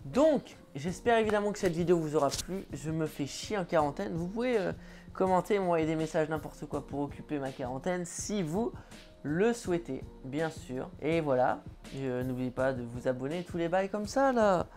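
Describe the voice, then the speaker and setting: A man's voice: on the high side, animated, normal speed, darkish tone, faint music behind. A man from France talking to his viewers at home in a casual, joking, offhand vlog. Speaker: vlogger. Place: at home indoors.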